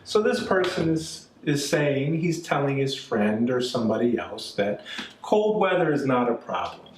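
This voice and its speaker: Slow, lively Canadian-raised teacher man. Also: mid-range voice, slight background noise. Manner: patient, repeats points, frequent "okay?" and "right?" checks. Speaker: English teacher. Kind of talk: classroom-style grammar lesson. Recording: echoey room, mic at a distance, faint music.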